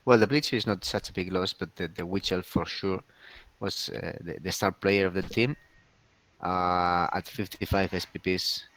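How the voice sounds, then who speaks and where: Laid-back guy with a low voice going over teams, lots of uhs, dry close sound. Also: fairly even intonation, normal speed, fairly bright tone, no room sound. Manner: easygoing, agreeable, hesitant with fillers. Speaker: host. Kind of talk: casual game recap chat.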